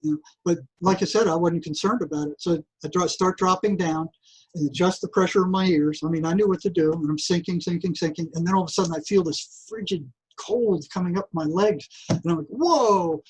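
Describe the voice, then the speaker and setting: A man's voice: high voice, a little fast, slightly rough, rough recording. An older man, a guest psychotherapist, telling a long story in a casual interview with frequent restarts. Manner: animated, repetitive restarts, acts out voices.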